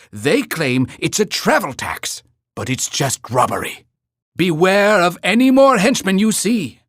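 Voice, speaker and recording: A man's voice: sits high, fairly bright tone, dry recording, clean studio sound, exaggerated voice. A man voicing a pompous, earnest cartoon mayor in a video game, announcing in a grandiose, theatrical way. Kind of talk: scripted video game narration.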